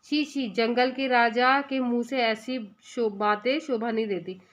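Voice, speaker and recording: A woman's voice: a little high, steady tone, a little slow, lightly acted. A woman playing a boastful, taunting fly. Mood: taunting, defiant. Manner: defiant, taunting. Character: boastful cheeky female fly.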